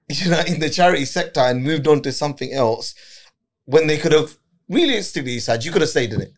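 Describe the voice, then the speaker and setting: A man in middle age speaks very quickly in a slightly high voice. He chats informally, doubling up words and phrases as he goes. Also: animated. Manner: repeats words and phrases for emphasis. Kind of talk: casual group chat.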